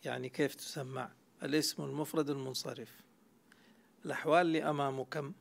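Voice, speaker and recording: Gravelly male grammar teacher lecturing. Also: on the high side, steady tone, quick pace, slight background noise. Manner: explains step by step, quizzing students. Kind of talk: classroom lecture.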